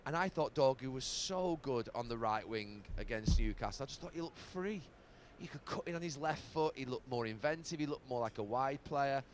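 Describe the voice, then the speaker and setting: A middle-aged man giving broadcast football analysis, measured and halting, with fillers as he searches for words. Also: medium pitch, lively intonation, a little hiss or hum. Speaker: football pundit.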